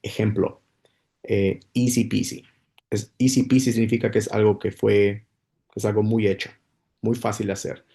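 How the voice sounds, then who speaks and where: Gravelly low-voiced man teaching. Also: flat delivery, moderate pace, mellow. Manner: explains patiently with repetitions and restarts. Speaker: English teacher. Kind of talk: casual spoken lesson.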